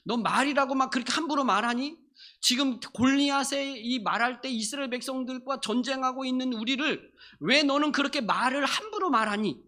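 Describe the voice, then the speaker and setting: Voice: sits high, brisk, bright, forceful tone. A preacher voicing a scolding older brother. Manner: scornful, rebuking. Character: scolding older brother, proud and dismissive man.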